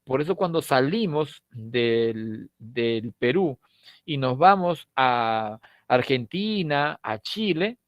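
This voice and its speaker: A middle-aged Peruvian man from Lima, with a medium-pitched, expressive voice, talks slowly; there's no room sound, but the high frequencies are cut off. Lecturing a prep-course language class, he's conversational and jokey with students, regularly tagging remarks with "¿no?".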